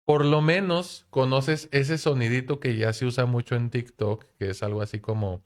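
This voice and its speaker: A man's voice: medium pitch, steady tone, moderate pace. A man hosting a casual podcast chat in a playful, chatty way. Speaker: podcast host.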